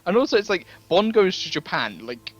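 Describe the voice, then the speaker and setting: A man's voice: sits high, very animated, brisk, lo-fi sound, soft background music. A young man co-hosting a casual film podcast, wry and joking, hedging with fillers. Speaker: podcast co-host. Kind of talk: casual film review chat.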